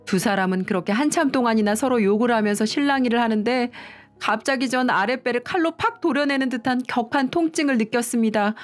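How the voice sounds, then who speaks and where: A woman narrating a first-person family story in a calm, confiding way. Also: a little high.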